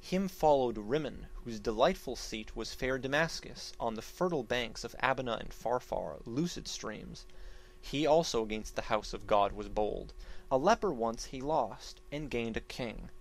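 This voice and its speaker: A man with a mid-pitched voice reads epic verse in a theatrical, stage-actor manner. His delivery is solemn and deliberate, with emphatic swells that drop into quieter phrase endings. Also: animated, creaky. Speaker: narrator reading an epic poem. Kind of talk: dramatic reading of archaic epic verse.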